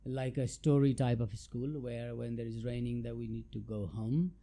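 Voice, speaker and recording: With a mid-range, dark-toned voice and flat delivery at normal speed, a middle-aged man from Nepal answers interview questions. He's a chartered tax adviser on as a guest, replying in a thoughtful, hesitant way filled with fillers.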